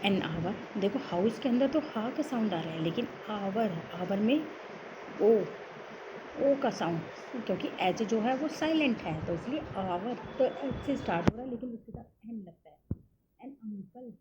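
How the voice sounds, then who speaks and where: A woman with an Indian accent, teaching a grammar lesson, explaining slowly and answering her own questions. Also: mid-range voice, animated, background noise.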